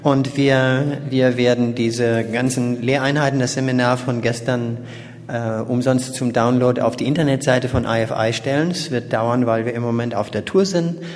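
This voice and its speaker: A man interpreting a sermon live, speaking in a measured way with small restarts. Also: medium pitch, fairly even intonation, a little mellow. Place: large church hall. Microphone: handheld mic. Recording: church hall with long reverb.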